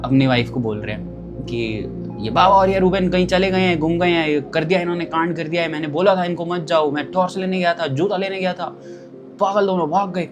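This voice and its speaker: Lively young man telling a travel story. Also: fairly high pitch, brisk, music in the background. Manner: lively, acts out the people in his story.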